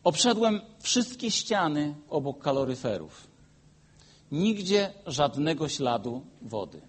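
A pastor preaching a sermon and telling a personal story. He swings between loud, emphatic peaks and quiet, low asides. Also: sing-song, slow pace, breathy edge.

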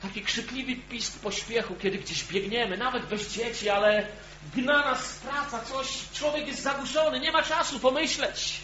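A man's voice: extremely high pitch, moderate pace, pushed and bright. A man preaching a sermon to a gathered congregation, speaking earnestly and asking his listeners direct questions. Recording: echoey, dull sound with faint hum.

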